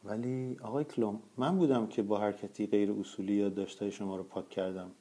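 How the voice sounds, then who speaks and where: A nervous, stammering office woman rushes through an apology, read by a man in his own low, mellow voice. It sounds like a plainly read audiobook scene, with no big character voice. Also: steady tone, close to an everyday voice. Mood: apologetic.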